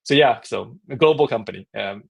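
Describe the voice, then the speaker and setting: Kiwi-male guest, mid-range pitch, halting and filler-heavy, speaking remotely. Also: gravelly, breathy edge. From New Zealand. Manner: halting, many fillers, laughs lightly. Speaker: guest, startup co-founder. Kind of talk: casual interview chat.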